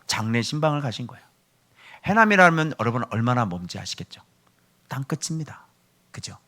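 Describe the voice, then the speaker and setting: Animated man preaching a sermon. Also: medium pitch. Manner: animated, acts out quoted people, shifts between loud and hushed. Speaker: pastor. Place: church.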